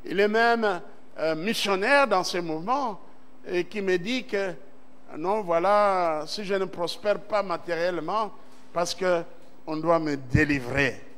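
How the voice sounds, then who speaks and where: A pastor from Central Congo reads scripture in a slow, high, somewhat bright voice while preaching a Sunday sermon at a church service. He pushes words with emphatic swells, and amens rise in call and response.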